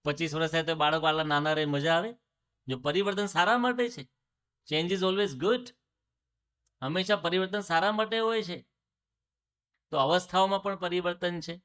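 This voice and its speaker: Man preaching with a raised pitch. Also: moderate pace, pauses often, a bit bright. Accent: Gujarati. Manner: storytelling, with rhetorical questions and English phrases mixed in. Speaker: religious speaker. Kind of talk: spiritual discourse to devotees.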